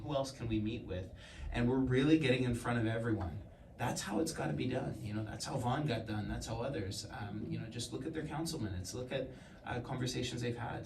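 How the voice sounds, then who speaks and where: Male politician, low register, earnest and stop-start, fielding a question in a reverberant room. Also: a little mellow. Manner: halting, repeating words as he argues earnestly. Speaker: provincial government politician. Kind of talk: answering a question at a public announcement. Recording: echoey room, distant mic, faint noise.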